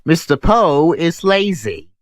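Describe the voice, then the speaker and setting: A man's voice: fairly high pitch, very animated. A man hosting a sarcastic commentary over clips, mocking what he sees. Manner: snarky, mocking, unhurried. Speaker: host.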